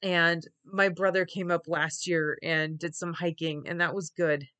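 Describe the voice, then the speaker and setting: Unhurried and fairly bright in tone, this woman's low voice shows little pitch movement. She is a middle-aged vlogger speaking frankly and casually to camera in a confessional vlog, sounding weary and reflective, inside a small wood-paneled room.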